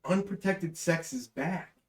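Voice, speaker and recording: High-voiced joking man in echoey room. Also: a little slow. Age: 20s. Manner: animated, teasing, builds up to jokes. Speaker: podcast co-host. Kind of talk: casual chat.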